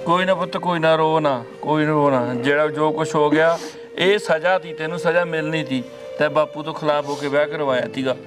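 An actor with a Punjabi accent playing an older village father who scolds his daughter and then gently comforts her. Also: fairly high pitch, fairly even intonation, a little fast, over music, natural voice. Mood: consoling. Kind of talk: rural short film acting.

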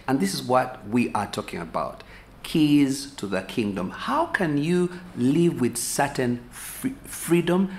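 Seated on a sofa in a small room, a Ugandan-accented pastor in his forties delivers a relaxed, chatty teaching sermon to the camera, gesturing and repeating words as he thinks aloud. His voice is mid-range. The camera sits a few feet away in a medium shot, and the room is echoey with faint hiss.

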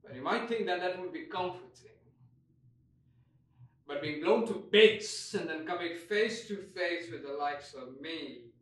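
A man's voice: on the high side, lively intonation, measured pace. An actor playing the wry, rambling ghost of a male Bengal tiger in a solo stage monologue. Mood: brooding. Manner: wry, rambling storyteller, swings loud and soft. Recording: echoey room, mic far off.

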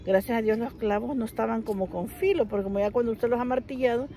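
Lady vlogger telling a story, kinda high voice, animated and laughing a lot, super chatty. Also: fast talker. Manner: animated, addresses listener formally as usted. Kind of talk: casual storytelling to camera.

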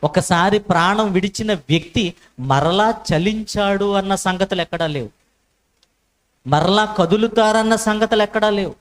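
A man's voice: high voice, normal speed, low-quality recording. A male preacher delivering a sermon with emphatic repetition and rhetorical questions.

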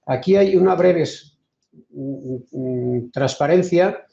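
Brief: Peninsular Spanish man, guest lecturer, mellow and a bit high, measured, restarts often, dull video-call audio. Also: vocal fry, echoey room. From Spain. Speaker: invited speaker. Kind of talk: online lecture.

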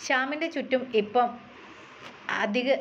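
A woman narrating a story in a steady, measured reading voice. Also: sits high. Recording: dull lo-fi with faint hiss.

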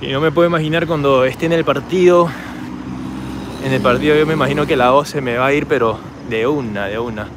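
A man with a Peruvian Spanish accent, hoarse from shouting, chatting casually to his handheld camera as he walks through a city park at night. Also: mid-range voice, brisk, noisy background. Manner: chatty, rambling, talks straight to camera while walking. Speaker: travel vlogger. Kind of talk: casual walking vlog.

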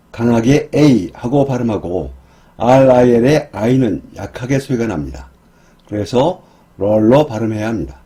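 Male English teacher, low-key and unhurried, mellow husky voice, drills vocabulary one word at a time. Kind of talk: slow, careful teaching for beginners.

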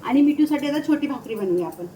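A woman's voice: expressive, fast, mellow, reverberant, recorded from a distance, a little hiss or hum, low-quality recording. A woman vlogging casually from her home kitchen while cooking, chatting to viewers and to her pets. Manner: chatty, switches to high sing-song baby talk for her pets. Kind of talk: casual home vlog narration. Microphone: phone held or propped while cooking.

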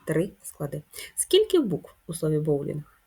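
Woman teacher for a kids' lesson, low, raspy, sing-song. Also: huge pitch swings, dark tone. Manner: slow, deliberate dictation with sudden high rises on key words. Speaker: primary school teacher. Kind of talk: video lesson for young children.

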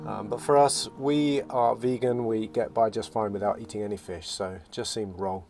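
A man narrating his sailing vlog in a relaxed, reflective voice-over, often restarting his phrases. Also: lowish voice, moderate pace. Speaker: sailing vlogger. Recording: voice-over with loud music behind.

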